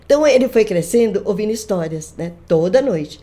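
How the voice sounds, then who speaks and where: An older woman, a grandmother, chatting on a podcast and retelling family stories with lively quoted voices. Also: mid-range voice, fairly quick. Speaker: guest, folklorist. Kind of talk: casual storytelling conversation.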